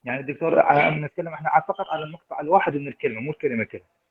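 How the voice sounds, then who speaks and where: Rapid, husky student man on a call. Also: a little high. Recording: tinny phone-like call audio.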